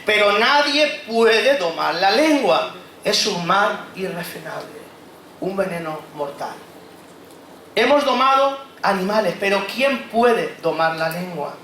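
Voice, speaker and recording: A pastor preaching a conversational sermon, acting out inner monologues and asking the congregation rhetorical questions. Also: male voice, sits high, bright, forceful tone, a little hiss or hum. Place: church hall. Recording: echoey church hall, faint ambience.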